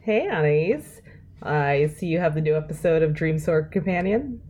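A woman's voice: low-pitched, lively intonation, moderate pace, a little mellow. A woman voicing a friendly young woman who chats with her housemates in a role-play.

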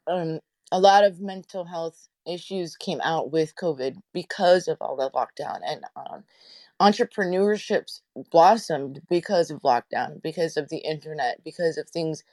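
A low-voiced woman therapist talks through her phone's speaker. The sound is dry, with no room around it. She rambles loosely, with fillers and self-corrections. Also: unhurried, a little mellow, no echo. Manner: rambling, many fillers and restarts. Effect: talking on phone speaker. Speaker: therapist and radio show host. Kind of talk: casual live audio-room panel chat.

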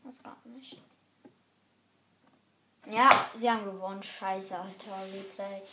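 A woman commenting live on her online game in German, excitable and swearing, often dropping to a whisper. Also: medium pitch, slow, very noisy. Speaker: gamer.

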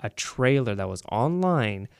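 An easygoing man chatting as a podcast co-host, who can quickly get worked up and rant. His voice is at an everyday middle pitch. The sound is dry and close to the mic. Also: big pitch swings, gravelly, clear, resonant tone, dry recording. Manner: easygoing, gets worked up when ranting. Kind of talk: casual chat.

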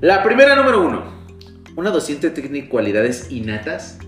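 A man with a Mexican accent hosting a casual interview, playful and quick to joke and laugh. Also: fairly high pitch, wildly swooping pitch, a bit bright, soft background music. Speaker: podcast host. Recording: echoey room.

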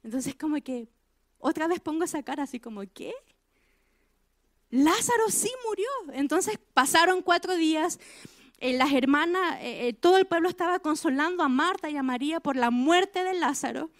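A woman's voice: sits high, a little fast, dry recording, studio quality. A woman preaching a sermon, asking her listeners direct questions and repeating key phrases for emphasis.

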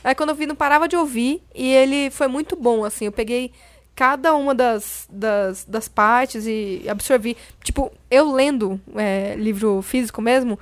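A woman's voice: fairly high pitch, normal speed, no room sound. A woman with a Brazilian Portuguese accent, chatting as a podcast guest, explaining at length with lots of fillers. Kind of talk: casual podcast chat.

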